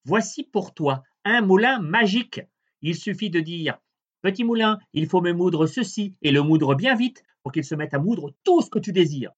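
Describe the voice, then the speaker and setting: Guy doing a tiny magic dwarf, squeaky and bouncy, kind of muffled recording. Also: lively intonation, moderate pace. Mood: grand. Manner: high, bright and emphatic. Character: tiny hungry male dwarf, kindly magical. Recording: dull lo-fi recording.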